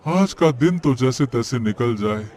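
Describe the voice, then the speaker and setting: In a Hindi cartoon story, an actor voices an earnest, humble vegetable seller who also cooks at an eatery. His medium-pitched, animated, slightly mellow voice moves at a measured pace, lightly acted, as he pleads politely and coaxingly over background music.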